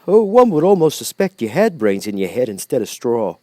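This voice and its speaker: A man's voice: mid-range voice, very animated, heavy background noise, lightly acted. A man voicing a big cowardly lion in a storybook, anxious and stammering, with a quavering voice. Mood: impressed. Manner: stammering, drawn-out fearful exclamations.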